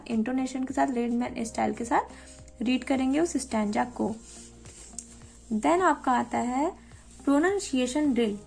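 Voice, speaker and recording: A young woman with a high voice and a gravelly edge explains a lesson plan step by step, speaking straight to her viewers. She slows right down to read quoted English lines carefully, and faint music sits behind her. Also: darkish tone. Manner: explanatory, addresses viewers directly; reads quoted English lines slowly and deliberately. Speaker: teacher-training student explaining a lesson plan. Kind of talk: spoken tutorial walkthrough.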